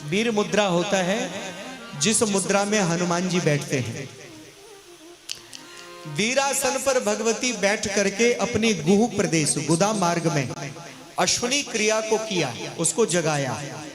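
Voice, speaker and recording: Bihari hindi kathavachak, high voice, slow and dramatic, music behind him at a live katha. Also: male voice, lively intonation. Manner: dramatic, acts out quoted lines, talks to the crowd. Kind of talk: devotional storytelling sermon with sung verses.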